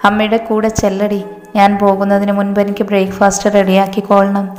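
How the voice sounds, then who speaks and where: A woman's voice: mid-range voice, monotone, fast talker, a little mellow, lightly acted. A woman voicing an abusive, bullying young husband who speaks in a harsh, mocking, threatening way. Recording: echoey room, faint music.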